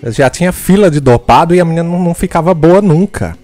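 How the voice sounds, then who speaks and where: Animated man telling a crude, funny story. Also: a little high, fast, soft background music. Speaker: streamer. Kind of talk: comic storytelling.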